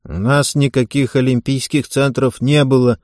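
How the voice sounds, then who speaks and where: A man voicing a grumbling, disapproving old grandmother in an audiobook, reproachful and pitched up. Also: steady tone, moderate pace, darkish tone, no echo, studio quality, lightly acted. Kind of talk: audiobook character voice.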